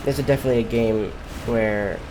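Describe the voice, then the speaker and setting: A man's voice: mid-range voice, fairly even intonation, brisk. A man giving casual, rambling commentary as he streams a video game, musing aloud. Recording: clear game noise behind.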